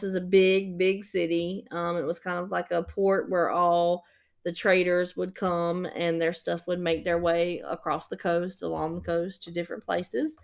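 A woman co-hosting a podcast, telling an old story in a relaxed, rambling way. She restarts her sentences often and leans on "um" and "like.". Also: fairly low pitch, creaky. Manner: rambling, filler-heavy retelling. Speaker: podcast co-host. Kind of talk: casual storytelling chat.

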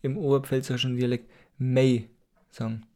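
A man's voice: a little high, fairly even intonation, moderate pace, a little mellow. A man casually explaining things on a podcast, hesitant with many fillers and a teasing edge. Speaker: podcast co-host explaining dialects.

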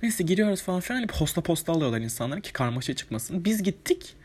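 Husky young man telling a rambling story. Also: fairly high pitch, very animated, quick pace, darkish tone. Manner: chatty, rambling, swears casually, many fillers. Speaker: vlogger. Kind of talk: casual storytime monologue.

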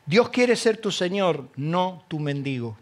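A man with an Argentine accent preaching a sermon as pastor, swinging between loud passion and hushed quiet. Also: high voice, animated, slow. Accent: Argentine Spanish.

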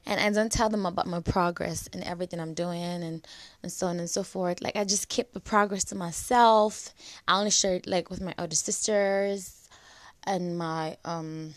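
Her voice slightly cracked from a flu and a dry cough, a young vlogger offers casual advice to camera, chatty and stuffed with "like"s. She sits lowish in pitch, keeps a steady tone at normal speed, and the recording is dry.

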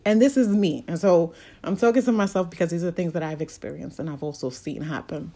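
Mellow-voiced woman giving candid pep talk. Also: on the low side, fairly quick. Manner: candid, profane, preachy. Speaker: motivational speaker. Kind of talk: casual motivational monologue.

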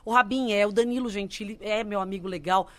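A woman's voice: medium pitch, fast talker, no room sound. A young adult woman, a comedian telling a story in casual chat and acting out the people she quotes. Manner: animated, acts out quoted people.

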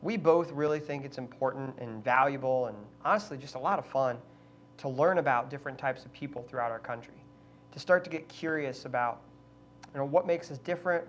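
A man's voice: mid-range voice, brisk. A man co-hosting a casual travel podcast, upbeat and chatty with frequent fillers. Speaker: podcast co-host. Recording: slightly dull sound, faint hum.

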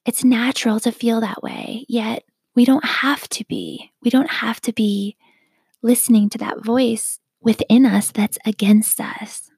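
A woman leading a guided self-awareness meditation, speaking softly and calmly with a whispery, breathy delivery. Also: on the high side, no room sound. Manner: slow, calm, gently instructive.

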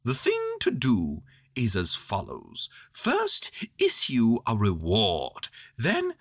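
A woman's voice: rumbling low, wildly swooping pitch, takes it slowly, husky, no echo, studio quality, full character voice. Woman voicing Owl, a pompous, swooping storybook bird. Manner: pompous, long-winded, declaiming. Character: pompous, wordy male owl who thinks himself wise.

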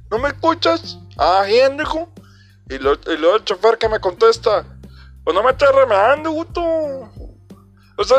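A brash young joke-teller with a strongly nasal voice, as a man puts him on, rambling loudly in Mexican street slang. His voice sits high and bright, pushed well above a normal speaking voice, with faint music behind. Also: full character voice.

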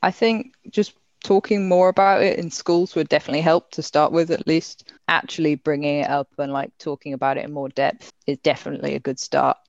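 A woman's voice: low-pitched, fairly even intonation, a little fast, creaky, hardly any pauses, darkish tone, no room sound, muffled recording. A young woman, answering questions in casual conversation. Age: young adult. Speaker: interviewee.

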